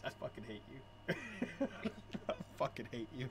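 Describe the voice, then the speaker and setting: A man's voice: medium pitch, fairly even intonation, moderate pace. A young man streaming a game, raging, swearing and laughing at himself. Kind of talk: casual gaming stream chat.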